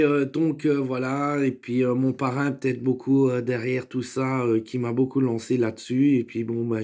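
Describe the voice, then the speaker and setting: A vlogger and sketch maker rambles casually to camera about his videos, hesitating, restarting, and using many fillers while slipping in an occasional joke. His voice is mid-range with a warm tone.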